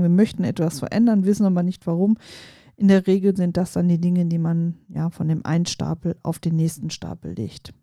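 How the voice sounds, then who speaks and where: A woman in her forties hosting a coaching podcast, talking calmly and reflectively straight to the listener. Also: on the low side, no echo, studio quality. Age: 40s. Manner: calm, reflective, addresses listener directly. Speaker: podcast host.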